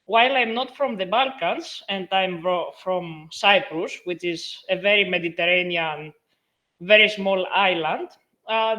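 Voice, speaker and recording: A young woman from Greece giving a friendly online lecture, pausing often with fillers as she presents over a video call. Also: mid-range voice, a bit bright. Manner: friendly, with frequent filler pauses. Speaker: guest lecturer.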